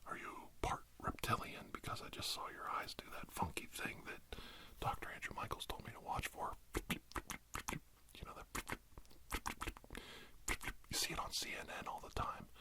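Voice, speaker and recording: A man spins a wandering ASMR story as a self-appointed healer-doctor, his delivery hesitant, earnest and deadpan. He talks unhurriedly and pauses often.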